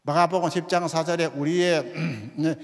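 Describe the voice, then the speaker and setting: A man's voice: fairly high pitch, fairly even intonation, moderate pace. A man in his seventies giving a sermon in a church, often putting rhetorical questions to the congregation. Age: 70s. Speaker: guest speaker. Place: church sanctuary. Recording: long hall reverb.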